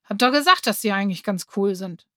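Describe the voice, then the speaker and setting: A woman voicing a swaggering boy who leads a gang, loud and cocky. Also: mid-range voice, expressive, fairly quick, no echo, clean studio sound. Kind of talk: audiobook reading.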